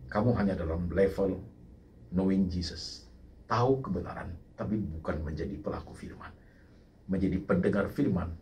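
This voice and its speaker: Older pastor preaching animatedly. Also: male voice, sits low, recorded from a distance, slight background noise. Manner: lively preaching, mixing in English phrases, repeats "saudaraku". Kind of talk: sermon.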